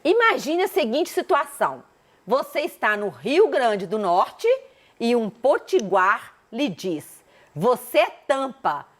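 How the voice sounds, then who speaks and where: A Brazilian woman teacher giving a recorded school lesson, animated and asking the students many rhetorical questions. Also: fairly high pitch, slow.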